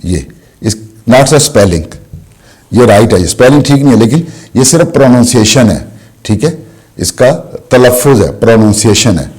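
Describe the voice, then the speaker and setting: A man teaching a language lesson, explaining slowly and asking questions he answers himself. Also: medium pitch, animated, darkish tone, slightly rough. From Pakistan. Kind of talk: classroom lesson.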